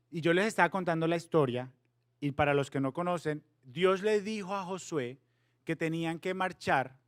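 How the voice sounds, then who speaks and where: A man in his thirties with a high voice gives a playful, animated youth sermon, telling a story and slipping English words in. The sound is close and dry, with no room echo. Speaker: youth pastor.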